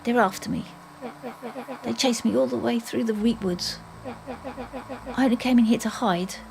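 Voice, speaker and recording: An older woman voicing a bitter, resentful boy who has become a monster, talking in hushed, mocking tones. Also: a little high, normal speed, creaky, crowd noise.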